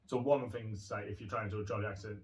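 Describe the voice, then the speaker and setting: A man's voice: on the low side, steady tone, racing, darkish tone. Man chatting, mic far off. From Teesside, North East England. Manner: chatty, explaining. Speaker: co-host. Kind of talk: casual chat. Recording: distant from the mic.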